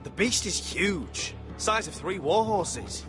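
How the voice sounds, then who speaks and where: An actor playing a roguish sellsword who talks wryly and deliberately. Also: male voice, high-pitched, animated. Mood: earnest. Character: roguish male sellsword, wry and daring. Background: game music.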